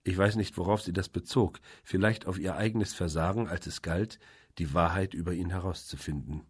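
Deep, husky male audiobook narrator. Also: normal speed. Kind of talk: audiobook reading.

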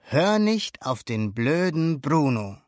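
A man's voice: on the high side, very animated, slow, a little mellow, dry recording, clean studio sound. A man reading a storybook aloud, voicing a cocky, adventurous boy who talks in a brash, bossy, eager way.

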